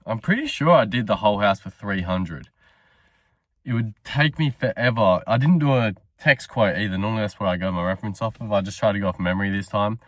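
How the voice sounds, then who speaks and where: A man's voice: fairly low pitch, a little fast, dry recording. A man talking in a casual, sweary vlog style, rambling as he thinks aloud. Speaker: self-employed window cleaner vlogging his day.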